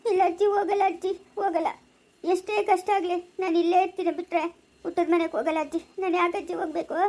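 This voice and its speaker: A woman's voice: very high-pitched, steady tone, fast talker, darkish tone. A woman playing a wounded, pleading young wife. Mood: hurt pleading. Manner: plaintive, complaining to grandmother.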